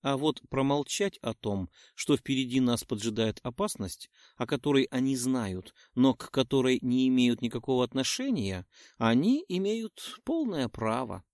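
A sly fairy queen speaks with a mocking, self-satisfied air, as a man raises his voice to play her in an audiobook. Her lines rise and fall with lively pitch. The recording is close and dry. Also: normal speed, hardly any pauses, dry recording, lightly acted. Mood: amused, scheming. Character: proud scheming woman, queen of summer.

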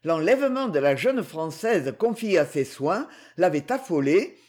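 A man narrating an adventure novel as an audiobook, in an expressive, dramatic reading. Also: on the high side, a little slow.

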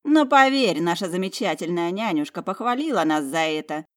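A woman's voice: fairly low pitch, lively intonation, moderate pace, lightly acted. A woman voicing a spiteful, sneering young noblewoman in an audiobook, taunting her sister.

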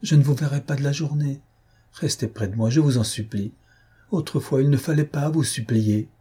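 A proud, jealous marquise of a period novel, reproachful and haughty, pitched higher in a dark, husky tone, as a male reader puts her on. Her pleading is keen and insistent. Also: normal speed. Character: proud jealous aristocratic marquise, middle-aged woman.

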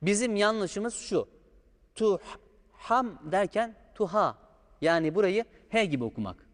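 A man's voice: high-pitched, animated, slow pace. A man teaching Quran recitation, patiently drawing out sounds to show the correct pronunciation. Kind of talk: step-by-step recitation lesson. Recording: long hall reverb.

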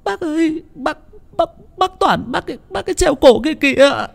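A man's voice: expressive, moderate pace, vocal fry, exaggerated voice. A man voicing a panicked village mother who stammers in fright. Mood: terrified stammer. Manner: stammering, shrill.

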